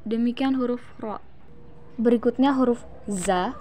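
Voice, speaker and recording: Young Indonesian woman teaching recitation, high and unhurried, sounding out each syllable in long drawn-out examples. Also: warm tone, slight background noise. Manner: demonstrates syllables slowly and drawn out. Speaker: student presenting a Quran recitation lesson. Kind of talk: instructional explanation with slow demonstrations.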